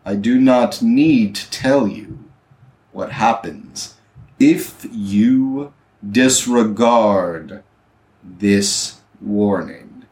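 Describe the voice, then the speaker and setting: Brief: a man playing an armored guard captain, booming, slow and menacing, roomy echo. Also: a little mellow. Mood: commanding. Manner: slow, measured threats.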